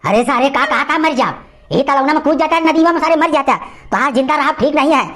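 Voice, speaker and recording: A woman voicing an angry old male village uncle in an animated cartoon comedy, ranting and scolding in an Awadhi accent. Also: sits high, quick pace. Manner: loud scolding, cursing rant.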